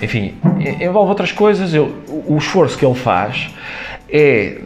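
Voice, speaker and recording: A man's voice: fairly high pitch, big pitch swings, normal speed, faint music behind. A man with a European Portuguese accent, a comedian being interviewed, explaining his ideas with examples and quoted asides. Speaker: comedian guest. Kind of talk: conversational interview.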